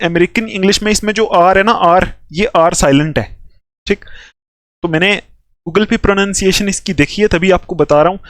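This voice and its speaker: A man's voice: high voice, no room sound. A young man who is a chemistry teacher, lecturing a class step by step and checking in with his students after nearly every phrase.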